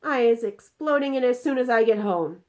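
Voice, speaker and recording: Woman putting on a loud, distressed storybook giant. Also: a little high, lively intonation, voice pushed up, lightly acted. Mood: frantic, anguished. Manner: exclaiming, emphatic, drawn-out words. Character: distressed, indignant giant with quirky mangled grammar.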